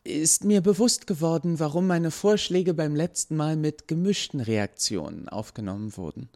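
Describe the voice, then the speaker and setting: A man voicing an enthusiastic businesswoman in a secret order, delivering a sales pitch. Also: expressive, moderate pace, darkish tone. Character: eager businesswoman cult member.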